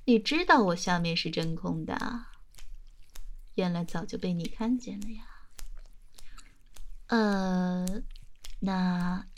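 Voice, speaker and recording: A woman performing a teasing adult ASMR roleplay close to the mic, often dropping to a breathy whisper. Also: on the low side, takes it slowly, long pauses. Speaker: solo audio roleplay performer.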